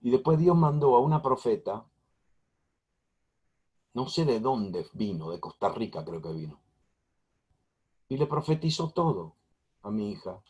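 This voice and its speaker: A man's voice: medium pitch, lively intonation, a little slow, long pauses, a little mellow, slightly rough, dull audio. A middle-aged man preaching a sermon as pastor, emphatic and repetitive, with frequent restarts.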